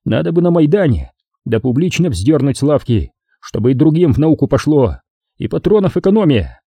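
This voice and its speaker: A man voicing a gruff middle-aged partisan commander who gives curt, commanding orders. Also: a little high, very animated, fairly quick, warm tone, no room sound, voice pushed up, exaggerated voice.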